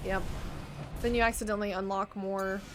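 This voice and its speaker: Over noisy background audio and game music, a woman's mid-range voice stays fairly flat in pitch as she talks at a moderate pace. She's livestreaming a game, chatting loosely with her viewers, cursing freely and laughing a lot.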